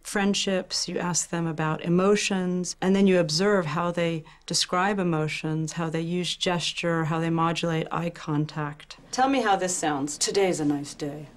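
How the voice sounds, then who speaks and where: A woman's voice: fairly low pitch, measured pace, few pauses. Patient middle-aged woman researcher. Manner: patient, gentle questioning. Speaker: researcher testing twins. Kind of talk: clinical interview.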